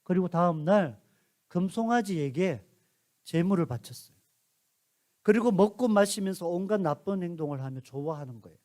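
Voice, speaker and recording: A man pastor narrates a Bible story for children. His voice sits high for a man. His delivery is animated and storyteller-like, and he asks the children questions along the way. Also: moderate pace.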